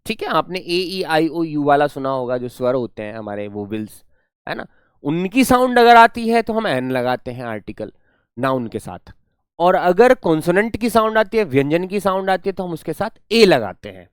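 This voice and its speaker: A man teaching an English grammar lesson in a coaxing classroom manner, addressing students warmly as friends and children. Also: fairly high pitch, very animated, moderate pace, clear, resonant tone, dry recording, clean studio sound. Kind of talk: classroom lecture.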